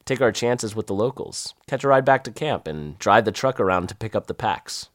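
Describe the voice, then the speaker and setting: Wry male climbing buddy, voiced by the narrator, sardonic, dry, low voice, close dry sound. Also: animated, normal speed, no echo, close to an everyday voice. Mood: matter-of-fact.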